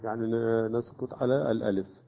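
A man's voice: medium pitch, steady tone, fairly quick, creaky. A man teaching Quran recitation rules step by step, often checking with his listeners. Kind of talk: tajweed lesson explanation. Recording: dull lo-fi recording.

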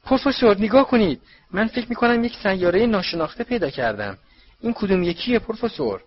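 A man voicing an excited, eager schoolgirl in a high, loud voice. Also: breathy edge, highs cut off, full character voice.

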